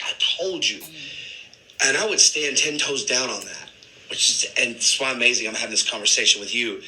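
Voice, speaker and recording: A man telling a story in conversation, acting out the quoted lines with lively energy. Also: mid-range voice, echoey room, low-quality recording. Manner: animated, acts out quoted dialogue. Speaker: guest in a played clip.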